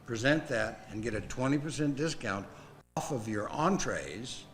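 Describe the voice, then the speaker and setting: A man's voice: medium pitch, lively intonation, normal speed, slight background noise. A man, a restaurant representative explaining the place in a plain, informative way. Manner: plain, informative, matter-of-fact. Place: outdoors at a ranch restaurant.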